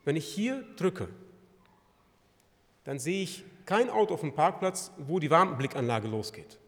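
A man preaching a sermon to his congregation, swinging between loud emphatic peaks and quiet low phrases and repeating lines for emphasis. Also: lively intonation, measured pace. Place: church hall. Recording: long hall reverb.

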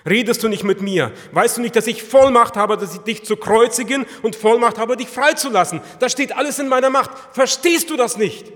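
A man's voice: sits high, expressive, moderate pace, hardly any pauses, pitched above the performer's own voice. A man voicing an agitated, imperious male Roman governor who fires off raised, demanding questions. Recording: long hall reverb.

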